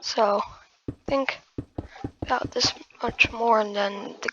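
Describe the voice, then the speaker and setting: A woman's voice: on the high side, steady tone, slow, background noise. A woman hosting a casual gaming build tutorial, rambling and muttering asides to herself. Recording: dull lo-fi dry recording.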